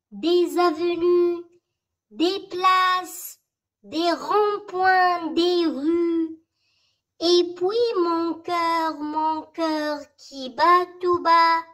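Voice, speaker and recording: In short, measured phrases broken by pauses, a very high-pitched, slightly bright voice recites a school poem for learners to memorize.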